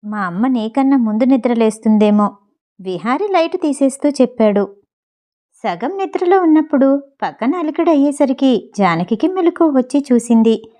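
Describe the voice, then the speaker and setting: A woman narrating an audio novel in a steady, even storytelling manner. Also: high-pitched.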